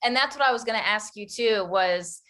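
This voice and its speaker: A woman's voice: on the high side, brisk, a bit bright. A woman hosting an interview, talking in a friendly, easygoing way with many fillers. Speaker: podcast host, interviewer. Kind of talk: casual interview chat.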